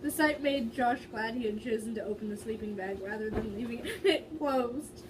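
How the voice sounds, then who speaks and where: Reading fan fiction in an amateur, dramatic style, this woman speaks at a normal speed in a high, giggly voice, tripping over words now and then and breaking off for lighthearted, giggling comments. She's recorded at a distance, with a little background noise audible.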